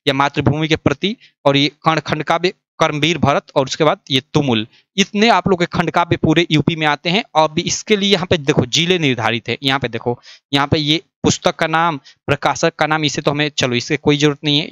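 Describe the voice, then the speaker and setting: Young guy up teaching, higher voice, dry close mic, keeps saying look here. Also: fairly bright tone, clean tone, dry recording. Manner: explains patiently, repeats "yahan pe dekho". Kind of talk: screen-share lesson.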